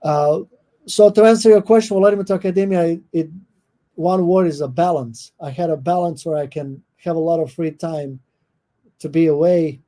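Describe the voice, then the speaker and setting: A middle-aged man from Croatia with a Croatian accent, a professor answering podcast interview questions thoughtfully, often pausing with fillers and restarting. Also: on the high side, mellow. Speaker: guest professor.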